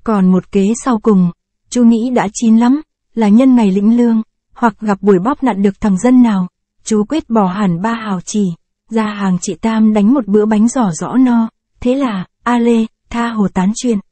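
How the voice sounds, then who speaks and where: A woman reading a short story aloud as an audiobook narrator, in measured storytelling with lively phrasing. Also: on the high side, dry recording.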